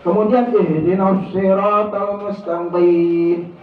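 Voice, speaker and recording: Male recitation teacher, high-pitched and unhurried, recorded from afar over a tinny line. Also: fairly even intonation. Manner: corrective, demonstrates recitation, chuckles. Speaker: religious teacher. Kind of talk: Quran recitation lesson. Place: prayer room. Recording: roomy, distant, phone-like, faint hiss.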